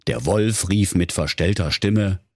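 A man narrating a comic fairy-tale parody in a mock storyteller manner, addressing the children with deadpan asides. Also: deep voice, a little slow, no echo, clean studio sound.

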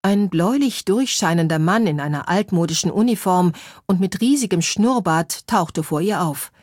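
A woman narrating a children's story in a clear, measured way. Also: on the low side, animated, darkish tone, dry recording, studio quality.

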